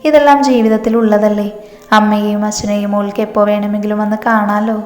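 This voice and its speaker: A woman voicing a gentle, loving mother who soothes and coaxes her daughter. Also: mid-range voice, little pitch movement, a little fast, close to an everyday voice. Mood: soothing. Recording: echoey room, long reverb, faint music.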